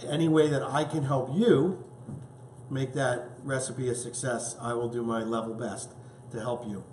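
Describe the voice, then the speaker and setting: A man's voice: medium pitch, steady tone, moderate pace, darkish tone, roomy sound, slight background noise. Chatty man hosting a cooking show. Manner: enthusiastic, chatty, tasting food as he talks.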